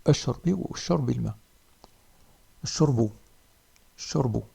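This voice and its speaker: Slow gravelly male language teacher. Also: mid-range voice, lively intonation, dark tone. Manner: repeats words slowly with pauses. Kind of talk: slow spoken language lesson.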